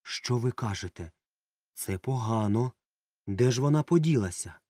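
A man voicing a kindly old village grandfather who speaks calmly and reassuringly. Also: mid-range voice, no room sound, clean studio sound, lightly acted. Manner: calm, reassuring, unhurried.

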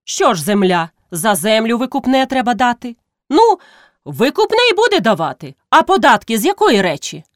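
A woman's voice: fairly high pitch, sing-song, moderate pace, dry recording, clean studio sound, pitched above the performer's own voice. A woman voicing a cheerful, outspoken, good-hearted peasant man who exclaims with animation. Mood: insistent.

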